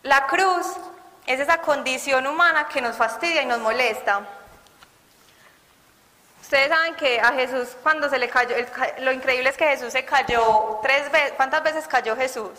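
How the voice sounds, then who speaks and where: A woman's voice: high voice, a little slow, bright, forceful tone. A woman preaching an earnest sermon and asking her listeners questions. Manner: earnest, asks the audience questions. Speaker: lay preacher. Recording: long hall reverb.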